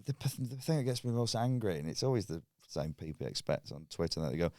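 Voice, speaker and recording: A man's voice: sits low, big pitch swings, fast, a little mellow, no echo, clean studio sound. A man chatting casually on a podcast as a guest comedian, swearing freely and laughing often.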